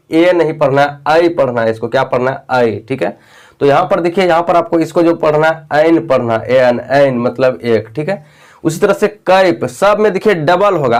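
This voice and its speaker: A man teaching English spelling and pronunciation to learners, repeating words and spelling them out letter by letter. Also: on the high side. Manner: addresses viewers directly with frequent "okay".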